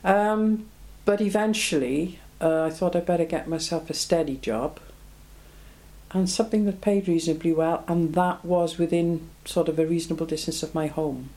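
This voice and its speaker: A Belgian woman in her seventies gives an oral history interview in a low, mellow voice at normal speed. She's reflective and plain-spoken, with frequent ums.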